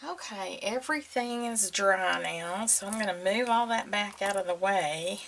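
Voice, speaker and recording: A woman hosting a casual craft tutorial with a gravelly voice and a slightly sore throat, murmuring unhurriedly as she works. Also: medium pitch, normal speed, a bit bright, slight background noise. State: slightly sore throat, clearing it now and then. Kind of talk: casual hands-on craft tutorial, talking while working.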